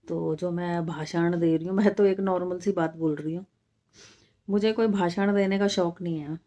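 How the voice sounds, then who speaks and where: A woman's voice: on the low side, fairly even intonation, normal speed, dark tone. A middle-aged woman from India hosting a casual live stream, talking straight to her viewers and firmly rebutting comments, repeating her points for emphasis.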